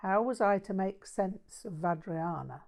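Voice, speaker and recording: A woman reading scripted audiobook narration in a measured, literary manner. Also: mid-range voice, vocal fry, darkish tone.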